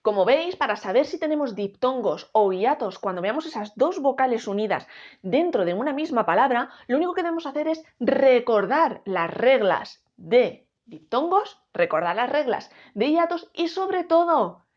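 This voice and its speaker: Woman teacher, high voice that jumps around a lot, slow clear syllable breakdowns, kinda dull lo-fi sound. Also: sing-song. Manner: addresses viewers directly, asks rhetorical questions. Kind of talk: spoken grammar lesson.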